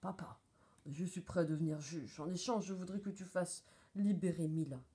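A woman voicing a big, gentle male bear who speaks hesitantly and sorrowfully. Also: lowish voice, moderate pace, natural voice. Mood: resigned.

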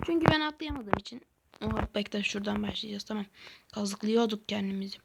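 A woman giving excitable, easily frustrated let's-play commentary as a gaming channel host, talking to herself while she plays. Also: mid-range voice, fast, vocal fry, noisy background.

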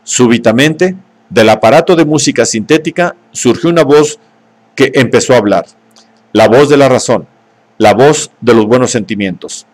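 A man narrating an audiobook in a steady, measured reading voice. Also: medium pitch. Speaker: audiobook reader.

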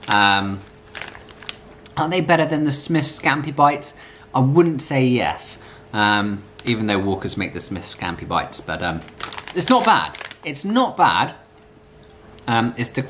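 A man in his thirties giving a casual, halting taste-test review to camera in a room indoors. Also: mid-range voice, a bit bright. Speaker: snack reviewer. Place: small plain room indoors. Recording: clear background noise with clicks.

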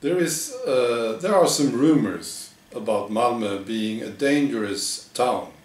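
A man in his forties presenting a parody news monologue in a deadpan, halting, mock-earnest way. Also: mid-range voice. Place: living room with bare walls, indoors. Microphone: camera a few metres away. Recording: echoey room, distant microphone.

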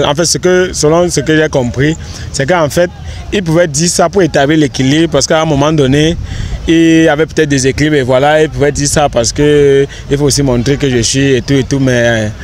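A man's voice: a little high, steady tone, normal speed, darkish tone. Young man, earnest and rambling. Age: young adult. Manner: earnest, rambling with many restarts. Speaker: interviewee, content creator. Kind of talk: casual outdoor interview. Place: park bench outdoors. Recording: faint outdoor street noise.

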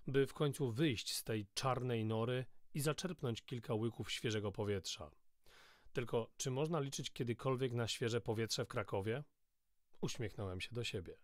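A man reading a novel aloud in the first person, in a steady, measured storytelling voice, close to the mic. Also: mid-range voice, dry recording. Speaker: audiobook narrator.

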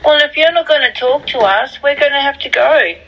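A woman's voice: high-pitched, a little fast, lo-fi sound, a little hiss or hum. A woman talking to a ghost, casually putting questions to unseen spirits as a paranormal investigator on a handheld recording. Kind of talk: casual ghost-hunt talk. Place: inside and outside an empty house.

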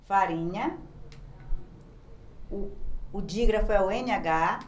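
A woman's voice: mid-range voice, slow pace, echoey room, a little hiss or hum, low-quality recording. A woman teacher with a Brazilian Portuguese accent giving a recorded grammar lesson to young children, patiently spelling out letters one by one. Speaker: primary school teacher.

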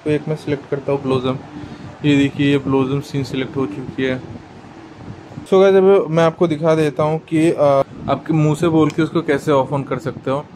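With a noisy background behind him, a man with a slightly high, steady voice walks his viewers through a product demo at normal speed. He keeps it casual, chatty and explanatory, frequently saying "guys."

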